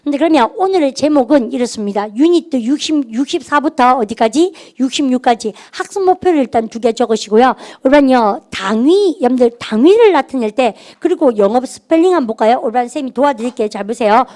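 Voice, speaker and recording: A middle-aged woman teaching an English grammar class, animated and having students repeat phrases after her. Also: sits high, quick pace, hardly any pauses. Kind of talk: classroom lecture.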